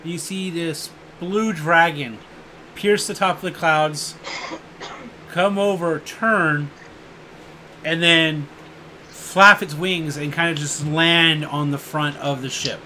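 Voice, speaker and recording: A man narrating a tabletop game as game master, animated and often stopping to restart. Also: fairly high pitch, takes it slowly, a little hiss or hum.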